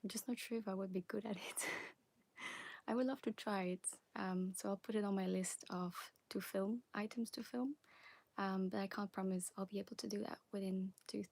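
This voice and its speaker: A young woman from Belgium with a Flemish accent, hosting a live question-and-answer stream, talking softly and often whispering, a little nervous. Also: mid-range voice, steady tone, moderate pace, gravelly, no room sound. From Belgium (Flanders). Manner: soft, partly whispered chat, nervous and giggly. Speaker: ASMR creator. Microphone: phone on a wobbly stand.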